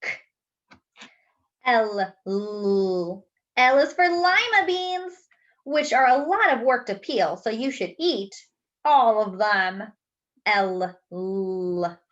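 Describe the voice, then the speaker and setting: Reading a picture book to little kids, this woman enunciates each word carefully and adds playful side remarks, as a story-time host would. Her pitch is medium, her delivery expressive, and the audio quality lo-fi.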